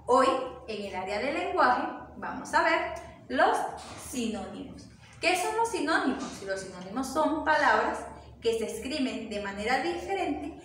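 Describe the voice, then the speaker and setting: Slow, lively woman teacher in an echoey room. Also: a little high. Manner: slow, patient, spells words out one by one. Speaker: first-grade teacher. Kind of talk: recorded language lesson for young children. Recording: very echoey room, voice from far off, faint hiss.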